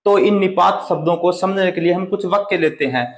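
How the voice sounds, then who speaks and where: A man teaching a Hindi grammar lesson, reading example sentences slowly and stressing the key words. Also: high-pitched. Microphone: phone camera on tripod. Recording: echoey room.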